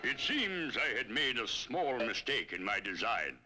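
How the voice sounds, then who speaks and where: A man's voice: mid-range voice, sing-song, measured pace. A man voicing a pompous, boastful old cartoon commander, telling tall tales dramatically. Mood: smugly boastful. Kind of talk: cartoon storytelling. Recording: music behind, old cartoon soundtrack.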